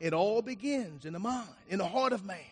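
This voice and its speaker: A man's voice: sits high, expressive, fairly quick, a little mellow, husky. A man preaching a sermon, reading scripture aloud and explaining it, his volume rising and falling for emphasis. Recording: reverberant hall.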